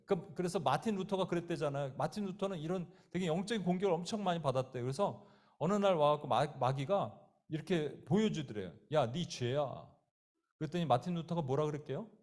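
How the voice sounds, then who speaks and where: A man's voice: a little high, lively intonation, fast, a little mellow. A man preaching a sermon as pastor, telling stories vividly and acting out voices in the quotes, speaking straight to his listeners. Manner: direct, addresses listeners and a child by name.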